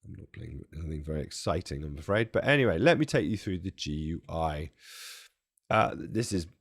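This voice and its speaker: A man demonstrating music software from a home studio, his voice strained and close to giving out, chatty and self-deprecating with jokey asides. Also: a bass voice, animated, fairly quick. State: strained, nearly losing his voice. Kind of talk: casual product walkthrough.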